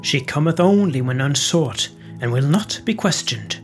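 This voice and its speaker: A man voicing a frail old holy hermit who speaks gentle, solemn counsel in old-fashioned speech. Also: on the high side, lively intonation, normal speed, soft background music, voice pushed up, natural voice. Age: older.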